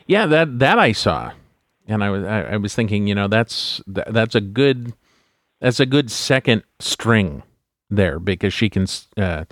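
Podcast host guy, low voice, laid back and halting, dead dry mic. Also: dry recording. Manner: relaxed, halting, lots of fillers. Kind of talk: casual interview chat.

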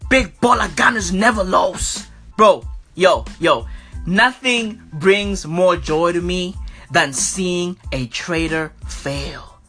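A man with a bright, punchy voice delivers a taunting sports rant as a podcast host. He talks in heavy slang and hammers phrases by repeating them. Music plays behind him. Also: high-pitched, takes it slowly. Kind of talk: animated sports fan rant.

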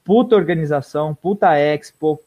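A man telling a personal story in a casual interview, animated, swearing casually and trailing off softly at the ends of thoughts. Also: fairly high pitch, normal speed, muffled recording. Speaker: guest runner.

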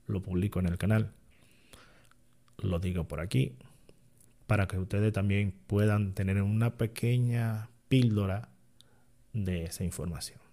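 A man's voice: lowish voice, mellow. A man, an online seller talking to his channel in a casual, rambling way that often stops to correct himself. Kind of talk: casual vlog monologue.

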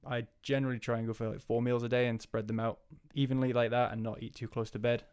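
Male coach guest, mid pitch, rambling casual chat with lots of restarts. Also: little pitch movement, fast talker, a little mellow, clear, resonant tone. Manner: rambling, with many fillers and restarts.

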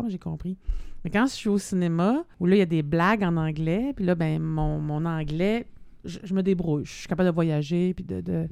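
A woman's voice: fairly low pitch, dark tone, smooth, no room sound. A middle-aged woman with a Québécois accent, chatting casually with fillers and repeated words. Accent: Québécois French. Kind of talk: casual chat.

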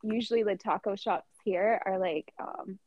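A woman's voice: medium pitch, moderate pace, darkish tone, no echo, lo-fi sound. A woman hosting a casual podcast chat, giggly and full of "like" and "oh my God". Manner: chatty, giggly, lots of "like" and "oh my God". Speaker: podcast host.

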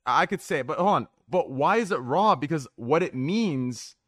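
A man's voice: fairly high pitch, lively intonation, moderate pace, a bit bright, no room sound, studio quality. A man chatting casually in a group podcast, slangy and given to swearing.

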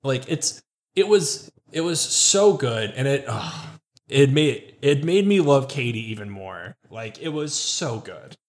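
A man chatting casually about a reality show, animated and quick to mimic people he quotes. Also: mid-range voice. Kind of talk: casual chat.

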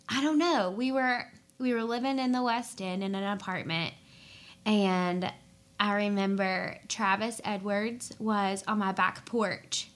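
A young adult woman, a worship leader and pastor's wife, earnestly and emotionally recounting her faith journey in conversation, pausing often with "um". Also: medium pitch, fairly bright tone. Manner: earnest and emotional, with frequent "um" pauses. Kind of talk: personal storytelling in conversation.

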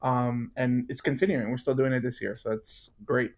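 A young adult man from New York, a worship musician guest telling stories in an animated, chatty way. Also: mid-range voice, moderate pace. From United States, New York. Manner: animated storyteller, acts out quotes. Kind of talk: casual interview chat.

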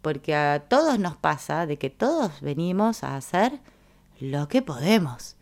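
A woman's voice: very animated, a little slow, a little mellow. A woman with a Rioplatense Spanish accent giving a reflective, casual talk on personal growth, thinking aloud and acting out quoted lines. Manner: acts out quoted dialogue with raised pitch; musing, thinking aloud with fillers.

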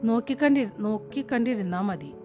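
A woman voicing an older, motherly farmworker who speaks in a hushed, worried, pleading way. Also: fairly high pitch, lively intonation, fairly quick, over music, close to an everyday voice. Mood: anxious pleading.

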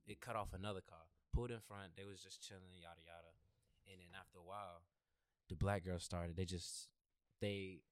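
A young man on a casual podcast, telling a story in relaxed, slangy speech. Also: low voice, a little fast, clean tone, no room sound.

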